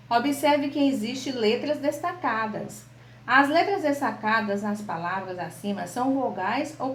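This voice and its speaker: A Brazilian woman teaching primary school children an online lesson, slow and patient, spelling out letters and examples. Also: high-pitched. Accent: Brazilian Portuguese. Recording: echoey room.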